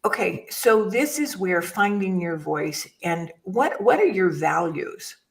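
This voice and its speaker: A woman's voice: fairly low pitch, animated, takes it slowly, creaky, distant mic, low-quality recording. Older woman telling stories, off-mic. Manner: storytelling, rambling, self-interrupting. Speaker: guest, mindset chaplain. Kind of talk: casual conversation.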